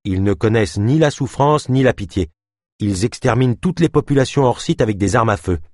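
Delune, a calm young healer, read by a man. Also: mid-range voice, brisk, no room sound, studio quality, pitched above the performer's own voice, natural voice. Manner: calm, steady. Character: calm young male healer, about twenty.

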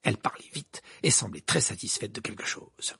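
A man narrating a novel as an audiobook in an expressive storytelling manner. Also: lowish voice, normal speed, gravelly, husky, dry recording, studio quality. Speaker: audiobook reader.

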